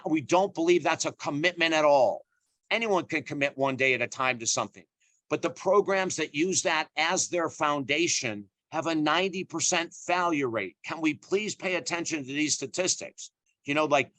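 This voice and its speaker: A man's voice: fairly high pitch, fairly bright tone, no room sound. A middle-aged man, an author speaking as an interview guest, talking emphatically and earnestly with lots of "you know" fillers and repeated phrases. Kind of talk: conversational interview.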